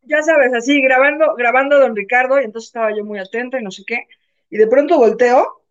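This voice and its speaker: High-voiced Mexican woman telling a story. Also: a little fast. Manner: animated, acts out voices in her anecdotes. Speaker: co-host. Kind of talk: casual chat, storytelling. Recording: muffled lo-fi sound.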